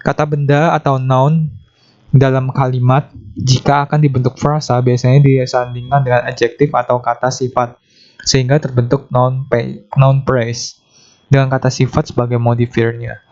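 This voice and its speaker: A man teaching an exam-prep grammar lesson, going through each question step by step. His voice sits at an ordinary middle pitch, and he slows down deliberately whenever he reads the English answer options aloud. The recording is dull and lo-fi. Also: level tone, darkish tone.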